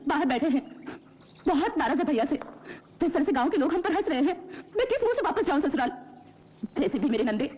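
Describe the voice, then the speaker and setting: A woman's voice: high voice, very animated, fast, slight background noise. An actress playing a young married woman hurt by her in-laws' taunts, aggrieved and complaining. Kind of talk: Hindi film acting. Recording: slightly muffled film soundtrack.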